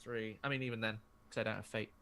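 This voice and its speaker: Hesitant, wry male player in casual game talk; bright, forward tone. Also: lowish voice, fairly even intonation, fast talker. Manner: hesitant, many fillers, wry. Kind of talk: casual tabletop game play.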